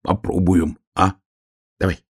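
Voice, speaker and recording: A man voicing a good-natured boy bear cub in a storybook reading, short of breath and answering in few, quiet words. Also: sits low, level tone, takes it slowly, breathy edge, exaggerated voice. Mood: terse. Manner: quiet, terse, soft-spoken.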